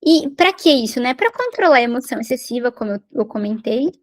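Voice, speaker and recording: A woman's voice: on the high side, animated, quick pace. A woman giving a recorded lesson on parenting skills, explaining patiently and checking in with tag questions. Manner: explanatory, repeats and rephrases points, tag questions. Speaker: parenting educator.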